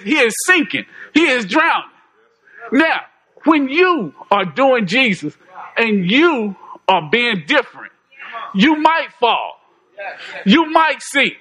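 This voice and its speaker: A man's voice: extremely high pitch, sharp tone, slightly rough, rough recording. A man preaching an informal sermon in a folksy, conversational way, often repeating phrases and chuckling.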